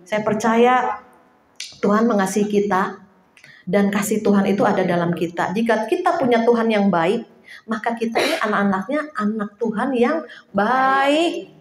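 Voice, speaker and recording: Lively woman preaching in an echoey room. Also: medium pitch, normal speed. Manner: lively, chatty preaching with laughs and acted quotes. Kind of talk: informal sermon to a small house church.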